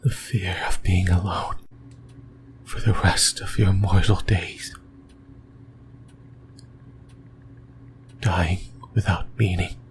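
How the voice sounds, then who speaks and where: A lonely, possessive demon whispers at your ear, voiced by a man, breathy and very low. He creeps through each phrase slowly and deliberately, leaving long pauses. It is an eerie, yearning ASMR roleplay monologue. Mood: brooding, menacing.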